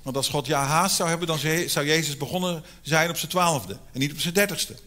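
A male preacher giving a sermon in a church, telling a Bible story in an animated way. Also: on the high side, brisk.

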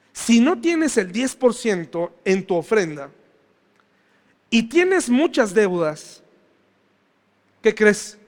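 Male pastor with a high voice and a conversational sermon manner, recorded in a reverberant church. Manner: conversational, asks the congregation questions.

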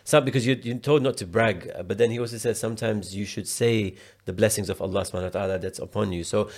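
Guy on a podcast, gravelly and kinda low, slangy chatty storytelling with lots of restarts. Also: fairly even intonation, fast talker, a little mellow. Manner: slangy, restarts and repeats words. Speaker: podcast guest. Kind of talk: casual storytelling.

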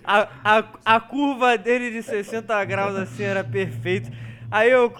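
A podcast co-host from Rio de Janeiro, Brazil, tells a story to his friends in casual, slangy chat, speaking Portuguese with a Rio accent. His voice is high and his pace moderate, and he's animated, laughing his way through the story.

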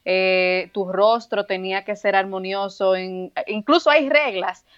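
A young woman with a Dominican accent, a podcast guest explaining things in an articulate, measured way. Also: mid-range voice, smooth. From Dominican Republic. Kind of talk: casual interview talk. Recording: slightly dull lo-fi audio.

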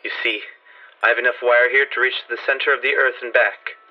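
A man voicing a bold male occult explorer with a mellow tenor voice who speaks with urgent earnestness. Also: medium pitch, steady tone, fairly quick, muffled recording, close to an everyday voice. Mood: grave, earnest.

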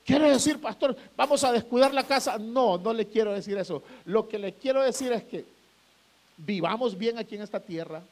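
A man's voice: high voice, normal speed, darkish tone. A man, a pastor, preaching a sermon to his congregation, drawing out phrases and building to emphatic peaks.

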